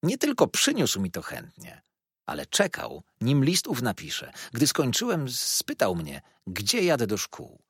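Husky male audiobook narrator. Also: mid-range voice, wildly swooping pitch, unhurried, fairly bright tone, dry recording, studio quality. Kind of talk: scripted first-person narration.

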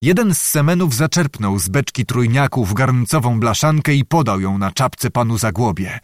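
A man narrating a literary novel in a steady, measured, descriptive reading voice. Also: medium pitch, no echo, studio quality. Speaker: audiobook narrator.

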